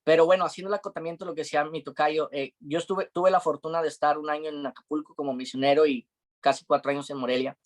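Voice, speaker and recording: A man's voice: on the high side, steady tone, fast talker. A young man giving an earnest, confiding devotional testimony, with frequent fillers. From Mexico. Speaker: preacher.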